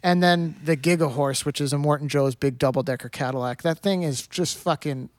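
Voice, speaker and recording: A man's voice: a little high, fairly quick, no echo, clean studio sound. A man co-hosting a casual podcast who talks with gushing enthusiasm and swears freely. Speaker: podcast co-host. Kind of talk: casual chat.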